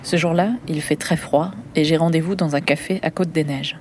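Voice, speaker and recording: A woman narrating a documentary as its journalist, telling the story in a calm, measured way. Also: deep voice, a little hiss or hum.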